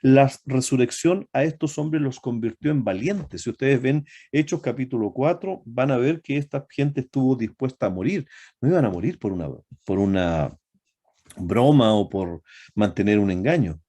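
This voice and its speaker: Mellow-voiced man preaching a sermon. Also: mid-range voice, lively intonation. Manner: asks the congregation rhetorical questions; pauses with frequent fillers and self-corrections.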